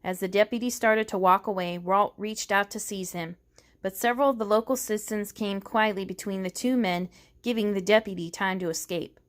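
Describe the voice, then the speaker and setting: A woman reads a novel aloud with steady, measured narration. Her pitch sits in the middle range. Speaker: reader.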